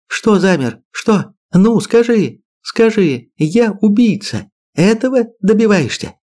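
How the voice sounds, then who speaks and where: A man reading an audiobook, voicing a fierce middle-aged woman biologist who shouts in heated, shrill bursts. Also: big pitch swings, a little slow. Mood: angry.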